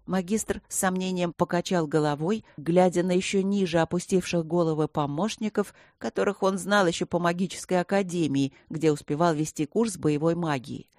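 A woman narrating a fantasy audiobook in an even storytelling manner, close to the mic. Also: lowish voice, moderate pace, few pauses, dry recording. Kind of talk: scripted narration.

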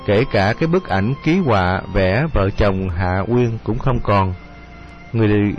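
A man narrating an audio story in a slow, measured, melancholy reading. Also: lowish voice. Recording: dull lo-fi audio with music.

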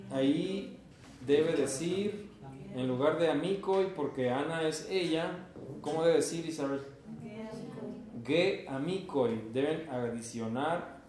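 A man's voice: mid-range voice, darkish tone, a little hiss or hum. A man with a Mexican Spanish accent teaching an Esperanto class, patiently quizzing his students and translating phrases into Spanish. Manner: slow, patient, asks the class questions. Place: university classroom. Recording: echoey classroom recording.

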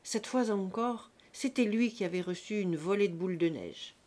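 A woman narrating an audiobook of a classic novel in a calm, measured reading voice. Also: medium pitch. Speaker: audiobook reader.

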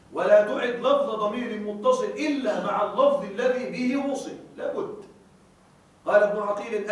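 A man teaching a grammar class. He keeps asking the students whether they follow and slows down to spell out each example. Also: sits high. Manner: checks on students with repeated questions, stresses example words. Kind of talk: classroom lesson. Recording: very echoey room, far from mic.

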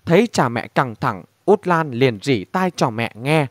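Expressive male audiobook narrator. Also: mid-range voice, unhurried, dry recording, studio quality. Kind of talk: audiobook ghost story narration.

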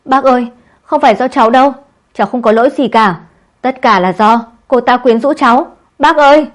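A woman voicing a frightened young man who begs his uncle for mercy in a whiny, rushed voice. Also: a little high, voice pushed up, natural voice. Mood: pleading. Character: young man, panicked nephew begging for mercy.

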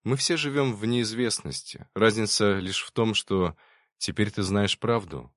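A man reading the lines of a gentle, devoted young programmer in an audiobook. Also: lowish voice, a little slow, no echo, studio quality. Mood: earnest.

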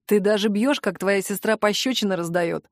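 A self-assured young man speaks slowly and with a mocking edge, as a woman narrator gives him a slightly lower voice. He stays cool and condescending. Dry, close audiobook sound. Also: no echo, natural voice. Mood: smug. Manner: mocking, unhurried. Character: cocky calm young man, smoking boyfriend.

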